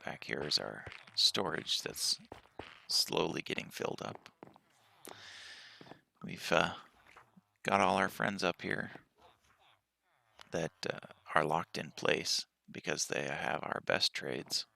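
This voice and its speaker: A man giving a relaxed tour of his game world with a just-woken-up morning voice, pausing often and speaking softly. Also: rumbling low, gravelly, a little hiss or hum. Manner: relaxed walkthrough with frequent pauses and fillers. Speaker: game player.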